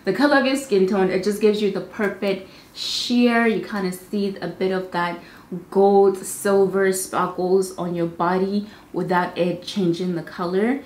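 Her voice is medium-pitched, steady and darkish as this young beauty vlogger chats to camera about products in her home studio. She's bubbly, talkative and quick with asides. The studio sound is roomy with faint ambience.

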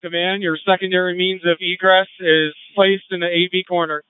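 A man speaking as a fire incident commander over two-way radio, giving brisk procedural orders in urgent firefighter radio traffic. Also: sits high, flat delivery, clear, resonant tone, no room sound. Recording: tinny narrow-band two-way radio.

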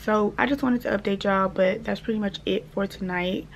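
A woman's voice: medium pitch, steady tone, normal speed, a little hiss or hum. A young woman, chatting casually to her vlog viewers, rambling and calling them y'all. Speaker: vlogger. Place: at home.

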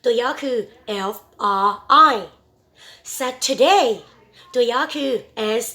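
A woman's voice: high voice, animated, pushed and bright. A woman teaching English vocabulary in a bilingual lesson, repeating each word for her students and addressing them fondly as children. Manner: drills vocabulary with slow, stretched repetition.

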